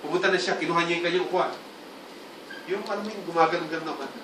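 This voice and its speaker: High-voiced pastor preaching in an echoey hall. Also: male voice, very fast, background noise. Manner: lively preaching, often calling for the congregation's response. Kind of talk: church sermon. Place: church hall. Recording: roomy hall, distant mic, congregation sounds.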